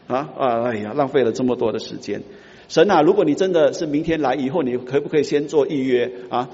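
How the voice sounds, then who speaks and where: A man preaching a sermon, moving between soft asides and loud, emphatic outcries. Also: medium pitch, fairly quick. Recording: roomy reverb, muffled sound.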